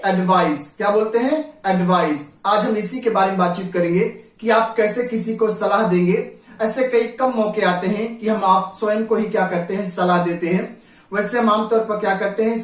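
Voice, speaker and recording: A teacher giving a spoken language lesson, who poses rhetorical questions, answers them, and spells words out letter by letter. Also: medium pitch. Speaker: English teacher. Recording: very echoey room, voice far from the mic.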